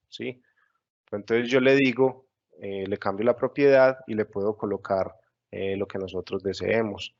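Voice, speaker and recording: A man walks through a webinar tutorial patiently, step by step. His low voice has a gravelly edge, and the audio sounds dull and lo-fi. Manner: patient step-by-step explaining with frequent fillers. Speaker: software instructor. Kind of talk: screen-share webinar tutorial.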